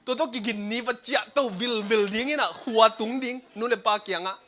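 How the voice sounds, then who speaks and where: A man preaching a sermon at a church service streamed online, talking in an animated way and laughing now and then. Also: very high voice, quick pace.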